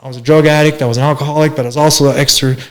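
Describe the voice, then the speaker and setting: A Minneapolis master barber in his forties, appearing as an interview guest, rambles through his life story with lots of fillers and restarts. His voice is fairly high and fairly even in intonation, and he races along.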